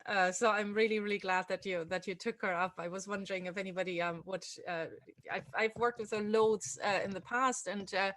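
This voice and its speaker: A woman's voice: mid-range voice, fairly even intonation, a little fast, a bit bright. A woman hosting an online music-teaching webinar, chatting casually with many fillers and restarts over a video call. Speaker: webinar host and music tutor.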